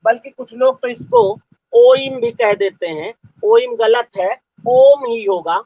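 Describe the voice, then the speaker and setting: High-pitched gravelly male teacher dictating. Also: wildly swooping pitch, dry recording. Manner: dictating slowly, repeating phrases. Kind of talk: live online class lecture. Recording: dull lo-fi audio.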